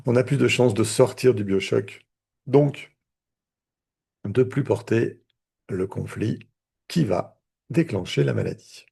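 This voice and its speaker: A man's voice: medium pitch, slow, gravelly, long pauses, dark tone, slightly rough. A man, a therapist, teaching a live online lesson in a conversational way, with many fillers and restarts. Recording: video call audio.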